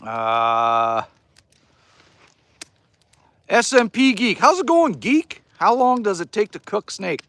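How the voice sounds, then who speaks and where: A middle-aged Canadian man hosts a relaxed live chat from his cabin near a wood fire, reading viewer comments and trading folksy jokes. His high-pitched voice swings widely in pitch and has a fairly bright tone; he takes things slowly, pausing often, with no room sound.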